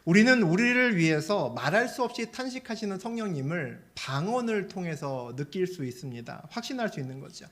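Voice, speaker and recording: A man preaching a sermon as pastor, telling stories with lively energy and putting questions to the congregation. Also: fairly high pitch. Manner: animated storytelling, asks the congregation questions.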